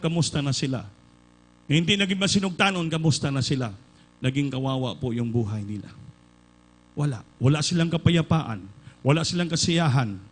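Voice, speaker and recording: A man from the Philippines preaching a sermon, telling a story and then building to loud, fervent exhortation, slipping English phrases into his Filipino. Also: medium pitch, rough recording.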